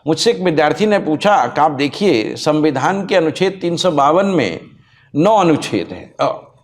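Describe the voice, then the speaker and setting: A man's voice: fairly high pitch, big pitch swings, moderate pace. A male law teacher giving a lecture-style channel introduction, stressing key points emphatically, repeating them, and spelling out words letter by letter.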